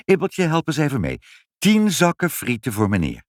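A man's voice: a little high, huge pitch swings, normal speed, no room sound, studio quality, pitched above the performer's own voice. A man voicing a hearty, cheerful father in a storybook reading. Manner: hearty, laughing.

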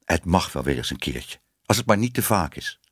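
A man's voice: low-pitched, very animated, normal speed, a bit bright, husky, no room sound, clean studio sound, full character voice. A man reading a storybook, voicing a stern but fair newspaper editor who lectures firmly. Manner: firm, lecturing, then kindly.

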